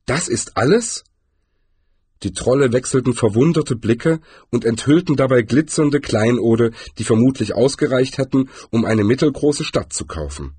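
A man reading a fantasy story aloud as audiobook narrator, calm and unhurried. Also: mid-range voice, breathy edge, dry recording. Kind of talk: scripted narration.

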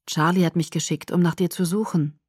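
A woman reading the part of a tall, strong young man who speaks slowly and calmly. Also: fairly low pitch, slightly rough, no echo, studio quality.

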